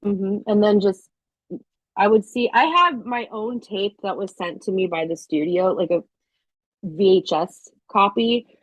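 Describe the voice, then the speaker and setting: A woman in her thirties, with a mid-range voice and an unhurried pace, chats as a guest in a casual interview. She tells stories loosely and talkatively, leaning heavily on "like" and other fillers. The recording is muffled but has no echo.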